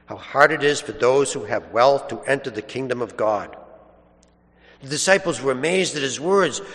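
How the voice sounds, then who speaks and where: A man reads scripture in a formal, solemn liturgical style. His mid-pitched voice moves slowly and deliberately. It rings out with a long cathedral echo in a large church. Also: fairly bright tone. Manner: measured, formal, deliberate phrasing. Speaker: clergyman reading the Gospel at a church service.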